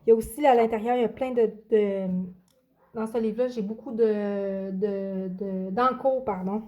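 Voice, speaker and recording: A woman's voice: fairly high pitch, steady tone, normal speed, dull audio. A woman, casually presenting her coloring books in a vlog, hesitant with many fillers and restarts. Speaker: adult coloring vlogger. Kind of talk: casual show-and-tell vlog.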